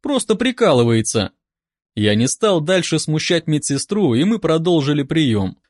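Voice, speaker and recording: A man narrating a first-person audiobook with expressive storytelling. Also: fairly high pitch, normal speed, no room sound, studio quality.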